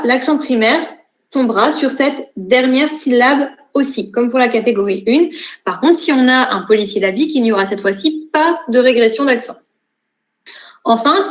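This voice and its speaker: Young woman lecturer explaining rules step by step, lots of um's, echoey muffled recording. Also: on the high side. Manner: methodical, step-by-step explaining with frequent fillers. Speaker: university lecturer. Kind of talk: online lecture.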